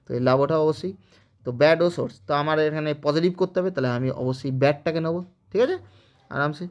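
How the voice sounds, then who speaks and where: A man's voice: on the high side, fast talker, dull audio. A man teaching English grammar in Bengali with a West Bengal accent, explaining step by step and checking in with students. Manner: explains step by step with frequent "okay?" check-ins. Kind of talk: spoken grammar lesson.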